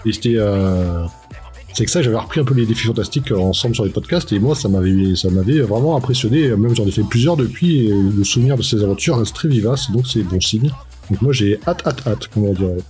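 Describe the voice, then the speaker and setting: A man's voice: lowish voice, expressive, fairly quick, darkish tone, soft background music. A man co-hosting a podcast in casual chat, rambling with hesitant fillers. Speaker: podcast co-host.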